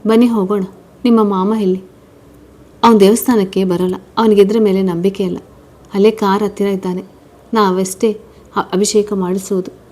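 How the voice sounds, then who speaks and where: A woman voicing a helpful young man in a spoken story, talking in a brisk, practical way. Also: mid-range voice, flat delivery, mellow, natural voice.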